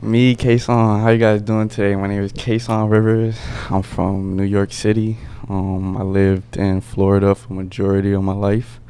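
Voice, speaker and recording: A man's voice: fairly low pitch, completely flat delivery, moderate pace, few pauses, warm tone, smooth. A young man talking as a podcast guest in laid-back slang, with many casual tags. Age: young adult. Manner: laid-back slang, you know what I'm saying. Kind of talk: casual interview answers. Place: media studio.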